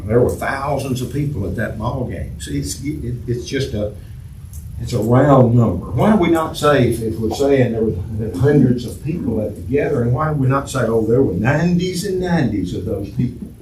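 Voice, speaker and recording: A man leads a church Bible class at a middle pitch, talking to the room and putting questions to the class. He is picked up from a distance in an echoey room, with a faint hiss under him. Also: normal speed. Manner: conversational, repeats words and restarts, asks the class questions.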